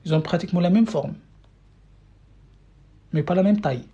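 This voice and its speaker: A woman's voice: on the low side, moderate pace, warm tone, muffled recording. French-speaking woman teaching Arabic live. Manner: patient, repeats questions to viewers, many fillers. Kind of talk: live-streamed language lesson. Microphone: phone or webcam mic.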